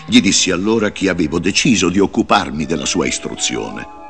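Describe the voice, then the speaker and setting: A wise old wizard with a low, rumbling voice. He tells his storybook tale with big, swooping pitch and theatrical flair. Faint music plays softly behind him. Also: sing-song, a little fast. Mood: storytelling. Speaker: storybook narrator in character. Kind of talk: read-along storybook narration.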